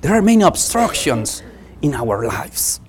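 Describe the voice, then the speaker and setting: Preaching as a guest at a church, a native Spanish speaker with a Spanish accent speaks at medium pitch in a sing-song way. His sermon is earnest and halting, with phrases repeated to drive points home.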